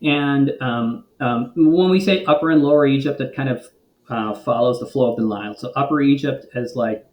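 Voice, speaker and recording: Man, guest expert, mid pitch, patient explainer, roomy echo. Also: normal speed, muffled recording. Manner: thoughtful, many ums and restarts. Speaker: guest linguist. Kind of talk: explanatory conversation.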